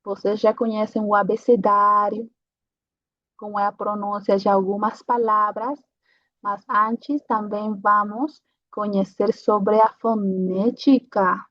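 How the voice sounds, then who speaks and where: A woman's voice: mid-range voice, steady tone, slow pace, no echo, muffled recording. A woman teaching a pronunciation lesson. She explains step by step and checks in with her learners after each point. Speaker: language teacher.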